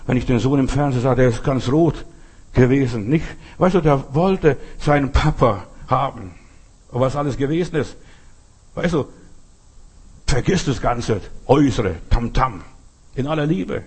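A man with a husky voice preaches a sermon to his congregation. He speaks to them directly and swings between loud, emphatic bursts and slow, quiet lines. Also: mid-range voice, expressive. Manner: addresses listeners directly with "weißt du" and "verstehst du".

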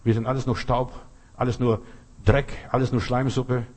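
A man preaching with a husky, slightly breathy voice. He talks straight to the listener, leaning hard on repeated phrases and pointed asides. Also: mid-range voice, flat delivery, normal speed, a little mellow. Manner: direct, addresses listener as du, emphatic repetitions. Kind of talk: sermon.

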